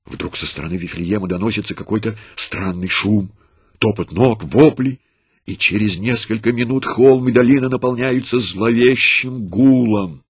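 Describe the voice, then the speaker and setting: Male narrator, husky and dry, solemn dramatic reading of a sacred story. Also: fairly low pitch, normal speed, dry recording.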